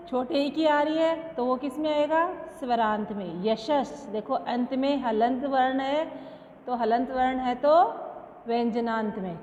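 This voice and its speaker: Woman teacher for an online lesson: slow, patient, step by step, faint background hum. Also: on the high side, a little mellow. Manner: explains step by step, asks and answers her own questions; mixes English words into Hindi. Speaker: school teacher. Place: classroom with a blackboard. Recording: dull lo-fi sound with long reverb.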